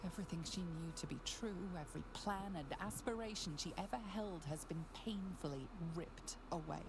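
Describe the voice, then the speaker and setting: An actress playing a solemn, knowing narrator of a fantasy video game, with a measured, intimate, dramatic delivery. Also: female voice, lowish voice, noisy background, close to an everyday voice.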